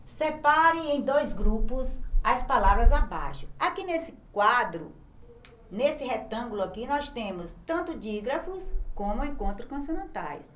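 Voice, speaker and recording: A woman's voice: on the high side, big pitch swings, measured pace, fairly bright tone, roomy sound, low-quality recording. A woman teacher with a Brazilian Portuguese accent giving a recorded grammar lesson to young children, patiently spelling out letters one by one. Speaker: primary school teacher.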